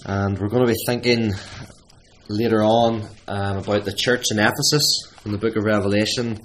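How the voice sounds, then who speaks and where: Man at a pulpit microphone, low-voiced, reads scripture slowly and deliberately, pausing for emphasis. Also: fairly even intonation, a bit bright, a little hiss or hum. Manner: measured, deliberate reading with emphatic pauses. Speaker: church service leader reading scripture. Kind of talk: scripture reading in a church service. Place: church.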